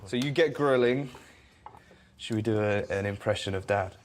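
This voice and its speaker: A man's voice: fairly low pitch, moderate pace, slight background noise. A young man cooking on his father's cooking show, joking and teasing his brother. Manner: cheeky, teasing. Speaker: chef's son cooking on the show. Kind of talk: casual banter in a kitchen.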